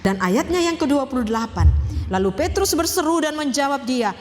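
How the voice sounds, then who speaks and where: A woman's voice: high-pitched, lively intonation, fairly quick, long reverb tail, a little hiss or hum. A woman pastor giving a sermon. She speaks emphatically, asks the congregation questions and repeats key phrases.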